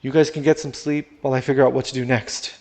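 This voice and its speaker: A take-charge male animal character from a spoken story, as a man puts him on. He gives orders in a commanding voice and turns to urgent shouts, pitched a little above an ordinary man's speech. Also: little pitch movement, fast, lightly acted. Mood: steady.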